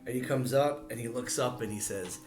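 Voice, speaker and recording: A man playing a tabletop game who describes his character haltingly, with pauses and fillers. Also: medium pitch, darkish tone. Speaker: player. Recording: echoey room with music behind.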